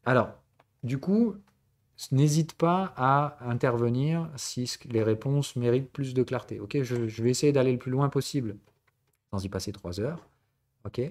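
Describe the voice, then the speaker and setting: A man's voice: medium pitch, moderate pace, a little mellow. A man from southern France teaching a live trading lesson. He talks casually and keeps checking in with "okay?" and "right?" as he explains. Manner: conversational tutoring, mixing formal and familiar address. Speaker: trading instructor and stream host. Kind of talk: live-streamed trading lesson, answering chat.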